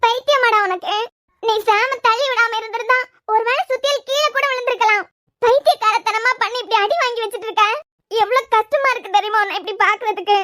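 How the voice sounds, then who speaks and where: In a cartoon web series, a woman with a Kanyakumari Tamil accent voices an earnest young woman, a roommate who scolds yet stays tender. Her voice is very high-pitched and brisk.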